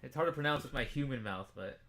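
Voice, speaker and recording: A man co-hosting a casual podcast, goofy and jokey, swinging from mumbles to loud outbursts. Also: mid-range voice, quick pace, vocal fry, crowd noise. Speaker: podcast co-host. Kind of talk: casual chat.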